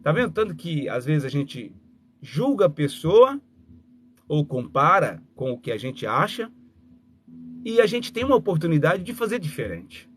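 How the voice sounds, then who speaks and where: A man's voice: on the high side, sing-song, moderate pace, faint music behind. A man giving a motivational live talk as a communication mentor, speaking straight to his listeners and acting out little dialogues.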